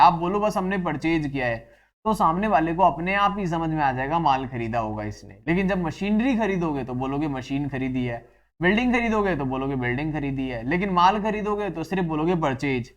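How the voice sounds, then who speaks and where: A man's voice: fairly high pitch, lively intonation, a little fast, muffled recording. Man teaching accounts, answering his own questions. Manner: asks questions and answers them himself; mixes English accounting terms into speech. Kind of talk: classroom-style lecture.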